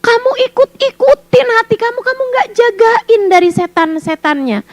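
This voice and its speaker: A woman preacher giving a casual sermon to women, lively and teasing, full of rhetorical questions. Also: very high-pitched, normal speed, dry recording, rough recording. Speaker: Islamic preacher.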